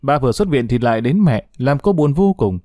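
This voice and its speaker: A man narrating a dramatic family story with a brisk reading manner. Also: medium pitch, animated, dark tone, no echo, studio quality.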